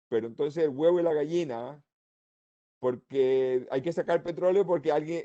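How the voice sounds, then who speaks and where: A man from Colombia speaking, giving his views as a panelist in a seminar discussion in an animated, rambling way. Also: fairly high pitch, dull audio. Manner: animated, rambling, laughs between points.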